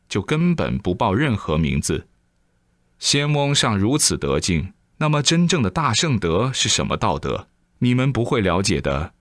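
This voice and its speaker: A man preaching through an animated story, lively and exclaiming as he acts out the scenes. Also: lowish voice, dry recording, clean studio sound. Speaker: preacher telling a moral tale.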